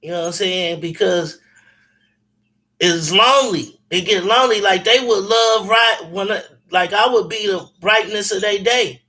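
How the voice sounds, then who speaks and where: A man in his forties with a high voice rambles through a story, emphatic and full of slang and cursing. His tone is bright and cutting, and he keeps restarting his sentences. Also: moderate pace, low-quality recording. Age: 40s. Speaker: caller on a phone conversation. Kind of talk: casual chat, storytelling.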